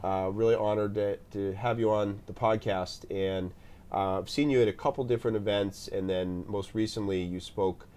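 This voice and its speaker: A man hosting an interview podcast, asking questions in a halting way and often repeating his words. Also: on the low side, steady tone, dark tone, clean tone. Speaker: podcast host, state senator.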